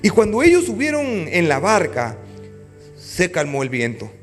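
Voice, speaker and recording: A man's voice: wildly swooping pitch, a little slow, faint music behind. A man preaching a sermon as pastor, in a dramatic style that rises and falls. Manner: dramatic preaching with sweeping pitch swings.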